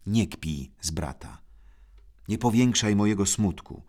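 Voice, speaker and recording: A man reading aloud, voicing a worried middle-aged mother who pleads softly with her sons. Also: lowish voice, lively intonation, a little slow. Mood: pleading.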